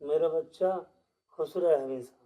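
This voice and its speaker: एक आदमी जो बीमार बूढ़े गाँव के प्रधान पिता का किरदार निभा रहा है, देहाती हरियाणवी लहजे में प्यार भरी नरम बोली।. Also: male voice, fairly high pitch, measured pace, dark tone, close to an everyday voice. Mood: fatherly. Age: older. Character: ailing old village headman father, caring. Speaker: ailing village headman, father. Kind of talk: rural comedy film acting.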